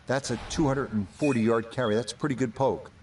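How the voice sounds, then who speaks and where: A man commentating on golf as lead play-by-play announcer, calling shots and scores in a measured, unhurried way. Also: mid-range voice, a little mellow, natural voice. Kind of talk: golf broadcast commentary in a video game. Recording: music and crowd noise behind. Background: music, crowd.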